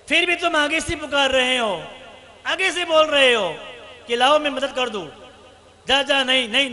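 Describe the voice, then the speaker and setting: Young milkmaid figure, chiding and emphatic, very high bright voice, put on by a male preacher. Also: exaggerated voice. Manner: pleading then chiding, raised and emphatic. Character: scolding young village milkmaid, teasingly cross.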